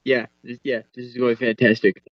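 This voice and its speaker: A man's voice: medium pitch, little pitch movement, normal speed, dry recording. A man co-hosting a casual chat show, joking and swearing, heard through a tinny phone mic. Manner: laid-back, joking banter with some swearing. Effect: tinny sound from talking straight into a phone. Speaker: co-host. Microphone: phone held up, no headphones.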